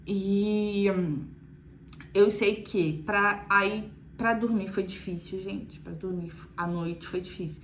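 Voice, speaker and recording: Young mom for a casual vlog: chatty, mid-range voice, slight room noise. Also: female voice, medium pitch, fairly even intonation, slow, a bit bright. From Brazil. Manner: chatty, frequent "né" asides. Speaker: mother telling her weaning story. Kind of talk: casual chat to viewers.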